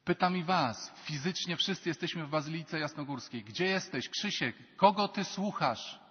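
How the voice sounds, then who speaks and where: A male priest giving a lively sermon in a large basilica. He acts out dialogue with shifting voices. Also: fairly high pitch, moderate pace, husky. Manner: animated, acts out quoted dialogue in changing voices. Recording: long basilica reverb, dull lo-fi sound.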